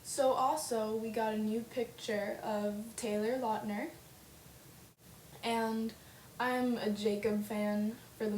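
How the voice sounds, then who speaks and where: A woman's voice: on the high side, a little mellow. A young woman chatting in a casual fan vlog, gushing and full of fillers. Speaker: fan vlogger. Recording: roomy webcam audio with faint hiss.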